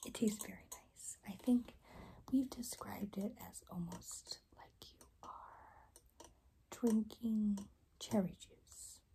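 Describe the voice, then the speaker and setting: A young woman in a whispered role-play as a caring rainbow fairy, speaking in a gentle, reassuring, breathy whisper. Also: mid-range voice, slow pace. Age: young adult. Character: caring, soft-spoken rainbow fairy guide. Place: small room indoors.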